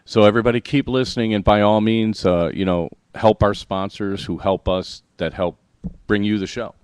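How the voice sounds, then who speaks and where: Male podcast host, low voice, loose conversational delivery that keeps restarting, dry recording. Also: fairly even intonation, a little mellow, clear, resonant tone, no room sound. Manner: rambling, self-correcting, explains slowly. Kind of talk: casual chat.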